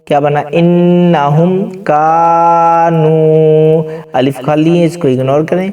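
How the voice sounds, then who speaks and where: A man teaching Quran reading, spelling out syllables slowly and chanting the joined words. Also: on the high side, fairly even intonation, warm tone. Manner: slow syllable-by-syllable drilling, breaks into chanted recitation. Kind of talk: spelling-out recitation lesson. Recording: distant from the mic.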